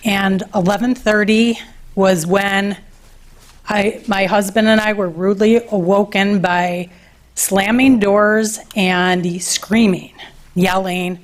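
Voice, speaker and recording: A woman's voice: medium pitch, fairly even intonation, slow. Chatty woman giving public comment. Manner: chatty, questioning, storytelling. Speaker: resident speaking at public comment.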